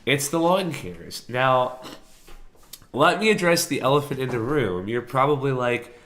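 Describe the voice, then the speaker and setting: Congested, hoarse man hosting a live stream. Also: mid-range voice, lively intonation, unhurried, a bit bright, a little hiss or hum. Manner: chatty, laughs easily, apologetic. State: congested, sick voice. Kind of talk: casual live stream chat.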